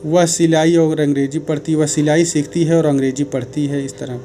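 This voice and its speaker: A man's voice: a little high, fairly even intonation, moderate pace, dark tone, a little hiss or hum. Methodical man teaching grammar. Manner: methodical, corrects sentences one by one. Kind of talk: grammar lesson.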